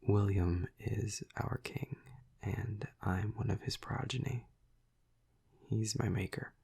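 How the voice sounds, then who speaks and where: Voicing a flirty, protective male vampire in full character, a man murmurs close to the listener in an audio roleplay, sounding reassuring and wry. His delivery is slow, soft, hesitant, and soothing, in a low, very husky, breathy half-whisper heavy with gravelly fry.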